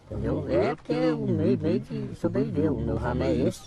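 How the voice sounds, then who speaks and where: A man's voice: high-pitched, huge pitch swings, moderate pace, creaky, over a noisy crowd. An anonymous chainsaw worker, a man whose voice is altered by a voice changer, giving plain-spoken interview answers and often asking "entendeu?".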